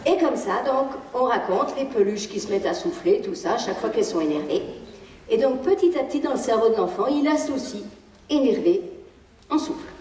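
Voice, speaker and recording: A woman with a French accent gives a live talk on stage in a playful, animated way, her voice rising and falling widely. She sits a little high for a woman. She is heard from some distance across a large hall with a long, roomy echo. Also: fairly quick, slight background noise. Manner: lively, playful, acts out quoted lines, laughs often. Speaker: speaker giving a public lecture on child emotions. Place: lecture hall with audience. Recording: echoey hall, distant mic.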